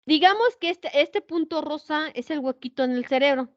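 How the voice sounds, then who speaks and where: A woman giving a pedagogy lecture, animated, with rhetorical questions and many fillers. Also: high-pitched, normal speed, no echo. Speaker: pedagogy teacher. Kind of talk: lecture with anecdotes. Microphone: video call setup. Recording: dull, dry lo-fi sound.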